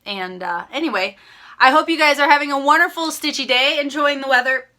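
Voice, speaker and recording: A young woman from Minnesota talks straight to her viewers with a bright, forward tone. She rambles, backtracks and gushes, a cross-stitch host chatting casually while her voice sounds a little worn. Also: high voice, a little fast. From Minnesota, USA. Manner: rambling, chatty, self-correcting; upbeat and gushing. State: slightly losing her voice.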